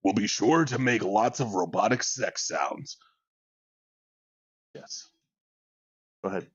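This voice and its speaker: A man's voice: lowish voice, expressive, slow, slightly rough. Forties guy streaming, chatty and goofy, bouncy voice, muffled cheap mic. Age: 40s. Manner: chatty, jokey, reads chat aloud. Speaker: live streamer. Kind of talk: casual live-stream chat. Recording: dull lo-fi mic.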